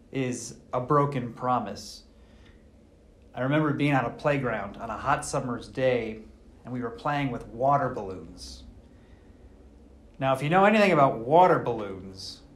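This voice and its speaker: Man with roomy church echo. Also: mid-range voice. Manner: measured, storytelling delivery. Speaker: priest. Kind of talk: Mass readings and homily.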